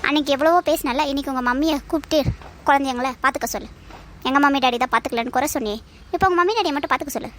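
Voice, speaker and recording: Domineering cartoon husband, a woman voicing, scolding, high-pitched. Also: rapid-fire, fairly bright tone, slight background noise. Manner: commanding, scolding.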